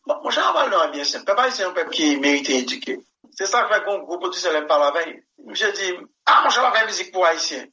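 A man's voice: high voice, expressive, fairly quick, sharp tone, slight background noise. A man, a musician answering interview questions in a rambling, emphatic way and often saying "mon cher". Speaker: musician guest. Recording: dull lo-fi recording.

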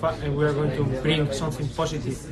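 Man interpreting live over loud crowd. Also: on the high side, little pitch movement. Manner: halting, phrase-by-phrase rendering with restarts. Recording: loud crowd chatter behind.

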